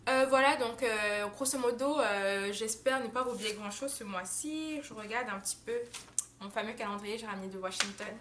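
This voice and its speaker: Recording a casual monthly recap vlog at home in the United States, a young au pair talks freely, laughing often and using lots of fillers and restarts. Her voice is a little high at a normal speed, with background noise present.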